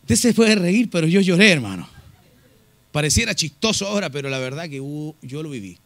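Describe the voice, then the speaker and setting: A man's voice: on the high side, expressive, fairly quick, a bit bright, dry recording. A middle-aged man, a pastor preaching earnestly and telling a personal story to his congregation, often calling them brother. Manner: earnest, often addresses listeners as "hermano".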